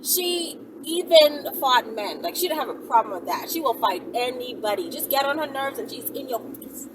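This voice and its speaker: A Bahamian woman in her forties vlogs from inside a moving vehicle, telling casual stories to her viewers at a normal speed. Her high voice is animated, and she comes across as chatty and playful, rambling off into asides. The mic sits at a distance and picks up plenty of vehicle noise.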